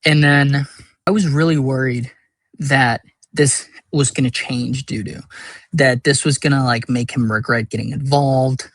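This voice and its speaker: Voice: medium pitch, steady tone, measured pace, no echo. A casual storyteller telling a long tale, rambling with many fillers and crude words.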